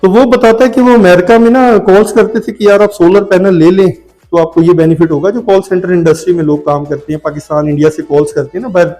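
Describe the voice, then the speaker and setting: A man's voice: high voice, steady tone, fast talker, mellow, faint music behind. A man with a Pakistani Urdu accent, talking casually as he walks through a house for sale, drifting into side stories and often checking in with "theek hai". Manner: chatty, digressive, often adds "theek hai". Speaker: vlogger touring a house for sale. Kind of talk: casual walk-through commentary. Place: indoors and on a rooftop of a house.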